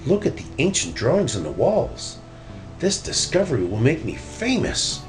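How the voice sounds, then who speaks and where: A man voicing a boastful, excitable cartoon duck adventurer from a storybook, in an exclamatory way. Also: fairly high pitch, moderate pace, over music, voice pushed up, low-quality recording. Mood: proud. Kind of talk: storybook character reading.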